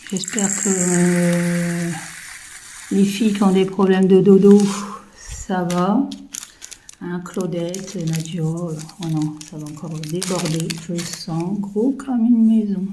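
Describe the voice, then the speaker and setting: A woman's voice: on the low side, steady tone, slow pace, mellow, a little hiss or hum, poor audio. A woman in her fifties chatting casually to viewers while she works on a craft project, rambling with many fillers and muttering to herself. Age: 50s. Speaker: craft vlogger.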